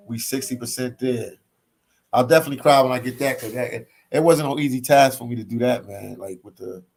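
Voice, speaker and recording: Reading live chat from a hostel library, a laid-back Philadelphia man answers his viewers in a casual tone. The travel vlogger speaks at a medium pitch, repeats phrases, and ends many sentences with "man."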